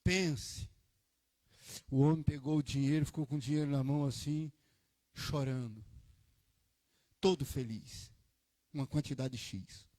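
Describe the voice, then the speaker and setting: Male pastor, high voice, animated storytelling sermon with swings from quiet to emphatic, dry close sound. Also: no echo. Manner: animated preaching, swings from quiet asides to loud emphatic peaks. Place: church.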